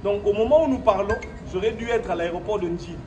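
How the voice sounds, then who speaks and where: A Congolese man from the DRC with a notably high voice talks fast at his own press conference, in an echoey room at his premises, mixing French and Lingala in a partly improvised statement. Defiant and emphatic, he drives points home with repetition and rhetorical questions. The roomy recording has a distant microphone, a noisy background and music behind.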